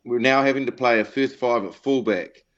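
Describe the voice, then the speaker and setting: A man's voice: medium pitch, moderate pace, fairly bright tone, highs cut off. A man asking long, casual questions as a panellist on a rugby show. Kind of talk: casual sports interview.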